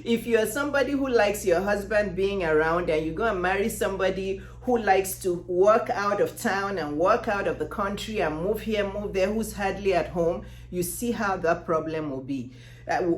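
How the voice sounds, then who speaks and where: A woman's voice: medium pitch, expressive, normal speed. A middle-aged woman with a Nigerian Yoruba accent gives emphatic, passionate advice straight to camera, often putting questions to the listener. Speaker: dating advice coach and host. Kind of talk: direct-to-camera advice talk. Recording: roomy, echoing sound.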